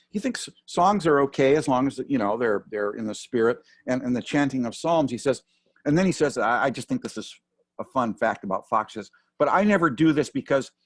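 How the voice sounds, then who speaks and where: A man's voice: mid-range voice, dry recording, studio quality. A man leading an informal class discussion, talking hesitantly with many fillers and restarts. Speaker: course leader.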